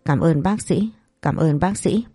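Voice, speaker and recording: A woman's voice: unhurried, dark tone, slightly rough, no echo, clean studio sound, faint music behind. A woman voicing a furious, hysterical rich middle-aged mother who scolds and curses. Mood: anxious. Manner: shrill scolding, cursing.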